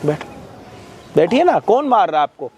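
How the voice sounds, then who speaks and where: Loud scolding man, high voice. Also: big pitch swings, moderate pace, a little hiss or hum. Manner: loud, scolding, repeats words, swears. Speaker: prank video host. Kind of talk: staged confrontation, scolding.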